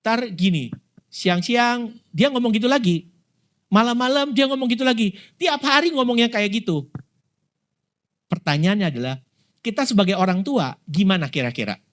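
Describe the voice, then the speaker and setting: High-voiced man preaching casually. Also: expressive, normal speed, pauses often, a bit bright. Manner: conversational, asks the congregation questions. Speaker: pastor. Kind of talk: sermon. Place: prayer room in a mall.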